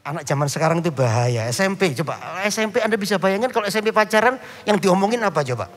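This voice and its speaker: High-voiced, joking male preacher. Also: animated, fast talker. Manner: humorous storyteller, often addresses the congregation. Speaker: pastor. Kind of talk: sermon.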